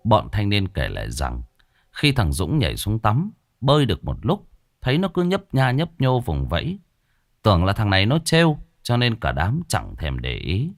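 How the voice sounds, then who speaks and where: A man tells a ghost story, his lowish voice rising and falling with dramatic swings. The sound is dry and close to the mic. A scripted, expressive horror narration. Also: moderate pace, gravelly, dry recording.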